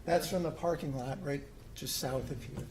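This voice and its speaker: A mid-range, darkish male voice at normal speed belongs to a middle-aged homeowner pitching his own plans to a city commission. Speaking informally at a public meeting in a city hall room, he hesitates often with ums and restarts; there is slight background noise.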